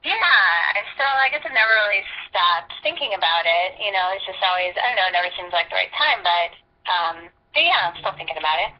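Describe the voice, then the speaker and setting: A woman's voice: fairly low pitch, lively intonation, brisk, slight background noise. A woman on a phone call, talking casually and hesitantly, thinking aloud with lots of fillers. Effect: heard over a phone line. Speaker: prospective recruit on a sales call. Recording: muffled, dull phone audio.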